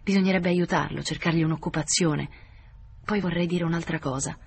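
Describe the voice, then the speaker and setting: A man's voice: on the high side, fairly even intonation, a little fast, vocal fry. A humble, desperate old servant, as a male narrator voices him in an audiobook. He pleads with his masters in a slightly raised voice. A faint hiss sits under the reading. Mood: pleading.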